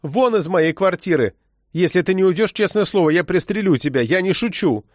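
A man's voice: high-pitched, lively intonation, takes it slowly, dry recording, clean studio sound, pitched above the performer's own voice. A male narrator voicing a frightened young woman of about twenty who turns defiant. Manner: tense, pleading, raised voice.

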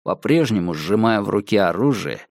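A man narrating a gothic story in a measured, somber, dramatic reading. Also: on the low side, lively intonation, gravelly, a little mellow, no echo, clean studio sound. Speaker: audiobook narrator. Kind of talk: scripted narration.

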